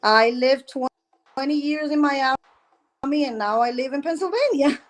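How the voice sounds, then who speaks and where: A woman from Cuba, a guest on a casual livestream interview over a video call, friendly and quick to laugh. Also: high voice, animated.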